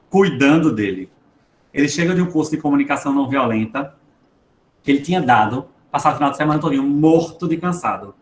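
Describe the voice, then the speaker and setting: A man, a psychologist reading a book aloud and commenting on it in an earnest talk, slowing down to stress words. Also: medium pitch. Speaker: psychologist guest speaker. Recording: echoey room with faint background noise.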